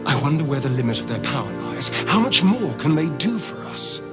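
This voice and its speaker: A man's voice: a little high, very animated, loud music behind the voice. Astarion, a sly, theatrical male vampire. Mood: amused, wry. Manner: arch, theatrical, sardonic, drawn-out phrasing. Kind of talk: dramatic video game character dialogue.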